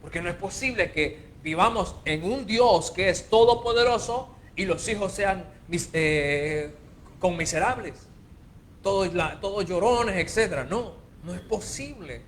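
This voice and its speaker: A man's voice: animated, unhurried, fairly bright tone, slight background noise. A man preaching an informal sermon with passion, sometimes mocking the people he quotes in a whiny voice. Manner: impassioned, mocks quoted people in a whiny high voice.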